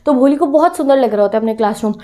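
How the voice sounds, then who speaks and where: A woman's voice: high voice, rapid-fire, warm tone. A woman teacher explaining a class 10 English chapter to students, patiently retelling the story and mixing in English phrases. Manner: explains patiently, mixes English phrases, checks in with "theek hai".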